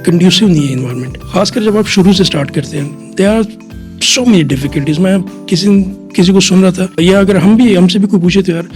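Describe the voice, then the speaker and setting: A man's voice: high voice, brisk, faint music behind. A middle-aged man from Quetta, a chartered accountant guest, explaining at length in a podcast interview and mixing English phrases into his Urdu. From Pakistan, Quetta. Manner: mixes English phrases into Urdu, frequent "theek hai".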